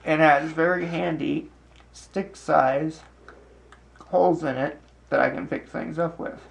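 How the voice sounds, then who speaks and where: A man with a slightly high, gravelly voice walks through a casual demonstration. His delivery is slow and deliberate, often broken into short halting phrases. Faint room noise sits behind him. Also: fairly even intonation. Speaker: host demonstrating a hobby. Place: home basement, indoors. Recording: clear background noise, room ambience.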